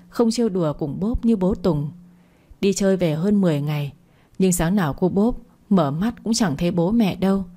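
A woman narrating a family story in a steady, even reading voice. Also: medium pitch.

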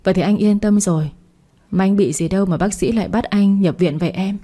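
A woman's voice: mid-range voice, a little fast, mellow, close to an everyday voice. A woman voicing a remorseful young man who pleads and apologizes to his ex. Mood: cheerful. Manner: begging, apologetic.

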